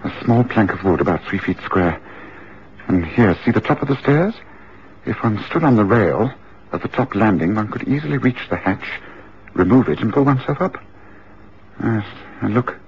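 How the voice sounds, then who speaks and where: An actor playing Sherlock Holmes, a calm, commanding detective who talks in a measured and gently reassuring way. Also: male voice, fairly low pitch, a little hiss or hum. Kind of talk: radio drama acting. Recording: muffled radio drama recording.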